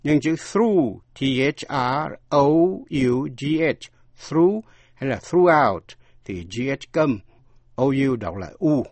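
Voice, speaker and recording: A man's voice: medium pitch, expressive, slow pace, dry recording. A man teaching English vocabulary, spelling each word out letter by letter and then translating it. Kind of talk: slow spelled-out vocabulary lesson.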